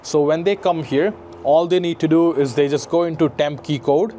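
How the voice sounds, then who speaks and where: This installer's voice is somewhat high and dark, with a steady tone and moderate pace. Giving a relaxed, explanatory walkthrough of a residential building from the lobby to the parkade, he regularly checks in with a short "right?"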